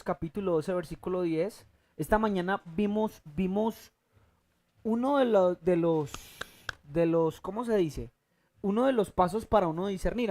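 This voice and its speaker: Preacher in a teaching sermon, mid-pitch, halting restarts, call-and-response questions to the congregation. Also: a little mellow. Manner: asks the congregation fill-in questions, repeats key words slowly; halting restarts, thinking aloud. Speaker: preacher teaching a Bible class.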